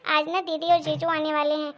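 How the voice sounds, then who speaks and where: A woman voicing a bright young wife. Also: high-pitched, level tone, brisk. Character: young newlywed wife, cheerful, apologetic. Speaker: daughter-in-law. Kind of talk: cartoon story voice acting.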